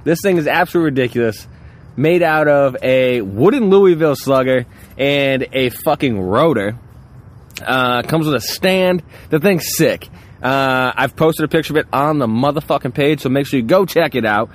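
A man's voice: mid-range voice, animated, normal speed. A man co-hosting a casual podcast outdoors, plugging things in a loose, profane, informal way. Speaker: podcast co-host. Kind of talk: casual podcast banter and sponsor reads. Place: outdoors on a ranch.

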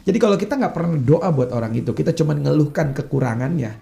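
A man, a youth pastor preaching earnestly in a relaxed chat, mixing in slang and acting out everyday complaints. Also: fairly high pitch, fast, vocal fry, faint music behind.

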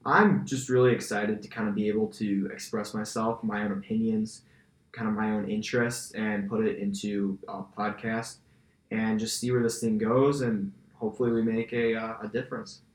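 A man's voice: on the low side, level tone, normal speed. A teenage man with an American accent giving casual interview answers as a student podcaster. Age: teens. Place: indoor school podcast studio. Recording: roomy, reverberant room sound.

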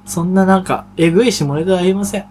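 A man's voice: sits high, fairly even intonation, fast, a little mellow, slight background noise. A young man co-hosting a podcast in casual chat, teasing his partner with joking banter. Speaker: podcast co-host.

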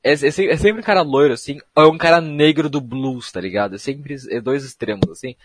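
A man's voice: medium pitch, a little fast, no room sound. A young man from Brazil, hosting a solo podcast in a rambling, slangy, self-mocking way. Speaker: podcast host. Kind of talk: casual solo podcast monologue.

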